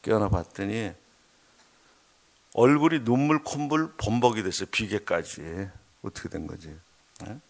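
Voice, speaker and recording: A middle-aged man, a missionary, preaching a heartfelt testimony sermon in church, dropping to hushed murmurs and then rising to loud, emphatic bursts. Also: lowish voice, measured pace. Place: church sanctuary.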